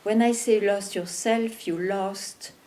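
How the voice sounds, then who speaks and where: A woman spiritual teacher speaking in a gentle, measured way at a satsang. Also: medium pitch, steady tone. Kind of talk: satsang talk.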